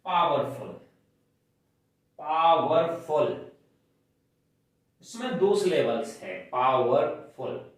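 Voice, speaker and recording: A man's voice: a little high, animated, slow. A man teaching English grammar, explaining rules step by step and counting syllables aloud, recorded far from the mic. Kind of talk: classroom grammar lesson. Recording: very echoey room, voice far from the mic.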